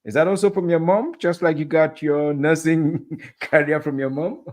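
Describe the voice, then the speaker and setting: A man's voice: fairly high pitch, fairly even intonation, moderate pace, a little mellow. Encouraging male interview host. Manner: encouraging, affirming, repeats phrases. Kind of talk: interview conversation.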